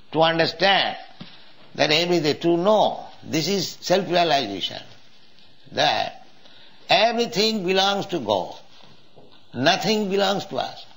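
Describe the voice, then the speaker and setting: An older man giving a religious lecture in 1973, reciting Sanskrit verses and pausing often with "uh" as he explains. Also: a little high, creaky, a bit bright, rough recording. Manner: halting, with Sanskrit verses and frequent "uh" pauses. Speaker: spiritual teacher. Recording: old 1970s lecture tape.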